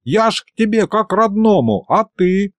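Whiny old skeleton wizard guy, pleading and grumbling, pitched way up and swooping around, a man doing the voice. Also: animated, measured pace, no room sound. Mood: wheedling. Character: old male skeleton sorcerer, wheedling and cranky.

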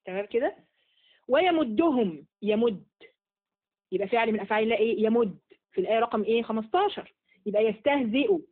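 A woman with an Egyptian accent teaching an online Quran lesson, asking quick questions and repeating key words. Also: on the high side. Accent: Egyptian Arabic. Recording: phone-like narrow audio.

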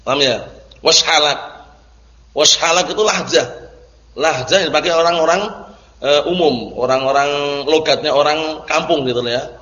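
A man's voice: fairly high pitch, moderate pace, pauses often, pushed and bright. A male teacher giving a classroom grammar lesson, explaining terms and often checking that students understand. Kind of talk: classroom lecture. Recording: dull lo-fi recording in echoey hall.

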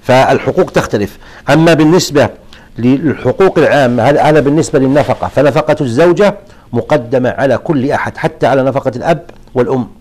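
A man teaching as an Islamic scholar works through questions sent in by listeners, explaining in a measured way despite frequent restarts. He has a mid-range, somewhat mellow voice.

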